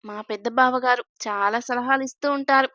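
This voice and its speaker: A woman's voice: fairly high pitch, fairly even intonation, moderate pace, bright, forceful tone, dry recording. A woman reading aloud voices a young wife, shy on the surface and mischievous underneath, in a spoken storybook serial. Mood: scheming. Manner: teasing, mock-shy.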